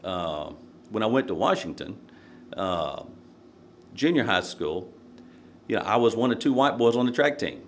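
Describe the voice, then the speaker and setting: An older man from Nashville tells stories in a relaxed, rambling way and stops often for fillers. His voice sits low. A faint hum runs under the recording. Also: moderate pace, long pauses. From Nashville, Tennessee. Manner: rambling, many fillers, chuckles while telling stories. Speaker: podcast guest, court candidate. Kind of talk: casual interview, storytelling.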